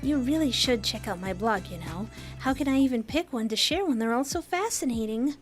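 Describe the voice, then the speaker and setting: A woman voicing a chatty, excitable young woman crime blogger in a visual novel, with an eager, rambling manner. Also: on the high side, a little fast, soft background music, lightly acted. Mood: excited.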